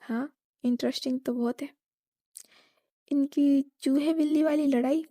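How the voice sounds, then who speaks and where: A woman voicing a gentle young woman who reassures others and is quietly amused. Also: sits high, fairly even intonation, unhurried, no room sound, studio quality.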